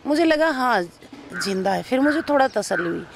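An actress being interviewed, telling an emotional personal story and acting out what others said. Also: female voice, high-pitched, big pitch swings, moderate pace, creaky, faint music behind. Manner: recounts events by acting out others' speech.

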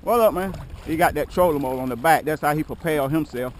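A man fishing from a kayak outdoors, chatting casually to viewers and his partner, often excited. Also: a little high, quick pace, a little hiss or hum. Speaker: kayak angler filming his trip. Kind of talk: casual fishing vlog chat. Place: kayak on open water outdoors. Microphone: action camera mounted on the kayak.

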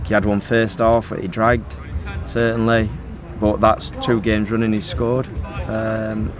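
Crowd noise fills the background as a middle-aged football manager is questioned outdoors on the pitch after the match. Speaking into the interviewer's handheld phone, he stays level and measured, with fillers throughout.

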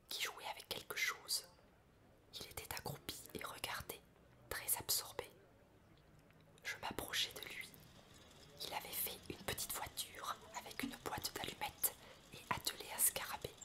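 A woman reading a novel aloud in a soft, breathy ASMR whisper, in a slow storytelling manner. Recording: piano music behind the whisper. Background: piano music.

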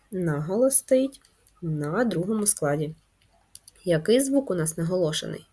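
A woman teaching first graders in a video lesson, speaking slowly and clearly in a sing-song way for young children. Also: fairly low pitch, mellow. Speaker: primary school teacher.

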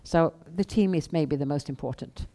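A woman's voice: deep voice, normal speed, dark tone. Middle-aged woman with a Swedish accent. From Sweden. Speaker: guest, bank founder and chief executive. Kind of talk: answering questions in a live on-stage interview. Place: indoor event room on a small stage. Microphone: headset.

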